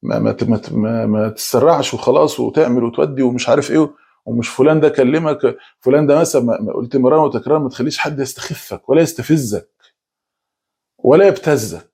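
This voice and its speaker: A man preaching with an Egyptian Arabic accent, talking quickly with frequent restarts and repeated words. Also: medium pitch, vocal fry, dark tone, breathy edge. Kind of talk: religious talk.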